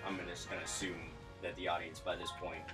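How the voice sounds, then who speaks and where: A man's voice: low voice, little pitch movement, fast talker. A young man casually commentating a video game while he plays, laid-back and profane, laughing often. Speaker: gameplay commentator. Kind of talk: casual let's-play chat. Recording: distant mic with game music.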